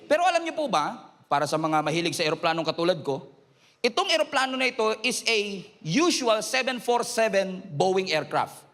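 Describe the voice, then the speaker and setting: Filipino male pastor, middle-aged, bright forceful high voice, preaching sermon, long church-hall reverb. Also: sing-song, moderate pace. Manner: switches between Tagalog and English, calls for raised hands, rises to shouts.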